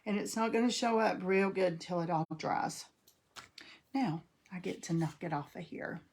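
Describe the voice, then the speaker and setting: A craft host with a North Carolina Southern accent live-streams a demonstration from her craft table, chatting folksily with viewers by name as she works. Her voice is fairly low and a little mellow, at normal speed.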